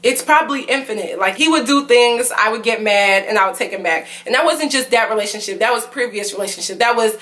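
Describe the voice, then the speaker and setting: A young woman vlogs candid relationship advice, earnest and confiding, with lots of fillers. Her voice is low for a woman and a bit bright, close to tears, and she talks fast with hardly any pauses.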